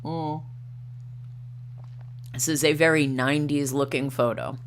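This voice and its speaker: The livestream host has a deep voice, a steady tone and an unhurried pace, with a little hiss or hum in the background. She chats casually and reads articles out, hesitating with frequent ums and uhs and reading quotes aloud; her first language is not Norwegian.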